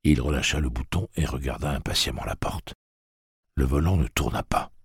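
Male audiobook narrator, extremely deep, husky, dry close recording. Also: moderate pace, dry recording. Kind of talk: scripted narration.

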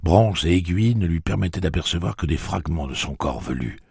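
Deep husky male audiobook narrator. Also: fairly quick, dry recording, clean studio sound. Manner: expressive dramatic reading. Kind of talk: scripted narration.

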